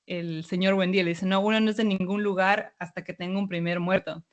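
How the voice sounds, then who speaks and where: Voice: mid-range voice, brisk, highs cut off. A podcast co-host from Ecuador talking casually and thoughtfully, telling anecdotes and reflecting on identity. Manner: thoughtful, storytelling, animated asides. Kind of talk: casual conversation.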